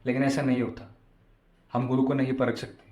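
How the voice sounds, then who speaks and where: A man's voice: mid-range voice, level tone, a little fast, a little mellow. A man giving a devotional discourse as a spiritual storyteller, explaining and repeating phrases for emphasis. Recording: echoey room sound.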